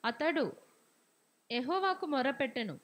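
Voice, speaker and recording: High-voiced woman reading scripture. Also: a little slow. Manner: steady, formal reading of scripture. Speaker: scripture reader. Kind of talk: reading Bible verses aloud.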